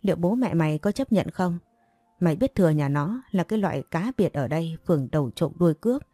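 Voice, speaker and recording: A bossy young countrywoman, put on by a woman reading a story, scolds fast and hard in a low, dark, dry voice. She pushes her friend along with no patience. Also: expressive, no echo. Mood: scolding. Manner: scolding, quick and forceful.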